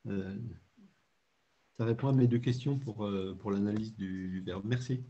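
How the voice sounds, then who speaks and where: A man speaks up as a student during an online lesson, hesitant and polite. His voice is mellow and slightly husky. The call audio is muffled. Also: on the low side, normal speed. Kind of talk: asking questions in class.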